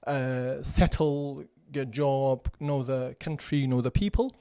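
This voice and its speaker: A man in his forties from the Kurdistan region of Iraq, speaking with an Iraqi Kurdish accent, is a podcast guest and chief executive of a cultural centre. In a conversational interview he reflects on his background in a measured, thoughtful way, pausing often, using many fillers and restarting phrases. His ordinary-pitched voice is steady, mellow and smooth, close-miked in a dry room with no room sound.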